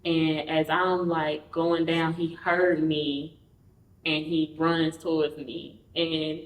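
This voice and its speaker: A woman's voice: low voice, little pitch movement, takes it slowly, a little hiss or hum. Woman telling her story, roomy distant sound. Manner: frank, acts out quoted dialogue while recounting. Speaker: podcast guest. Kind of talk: candid personal storytelling.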